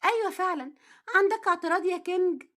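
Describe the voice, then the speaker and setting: Woman doing a high, stubborn young egyptian wife, teasing and emotional. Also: fast, a bit bright. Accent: Egyptian Arabic. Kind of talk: storytelling audio drama.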